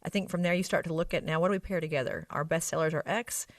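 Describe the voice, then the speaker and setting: This Arkansas woman, a guest expert on running medical spa practices, speaks quickly in a deep voice with a Southern accent. In a conversational interview she makes her points emphatically and keeps tossing in short tag questions. The sound is clean studio audio with no room sound, though she sits far from the mic.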